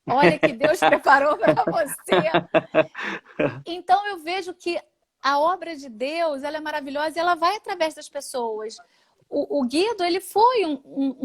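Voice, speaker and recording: High-voiced Brazilian woman telling her testimony. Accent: Brazilian Portuguese. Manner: animated storyteller who acts out the people she quotes. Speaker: guest sharing a testimony. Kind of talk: emotional personal testimony.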